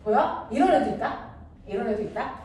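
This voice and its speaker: A woman teaching a middle school science class, playfully asking quick check questions and drawing answers from her students. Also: fairly high pitch, lively intonation, mellow. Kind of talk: classroom lesson with call-and-response questions. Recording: echoey room, distant mic, background noise.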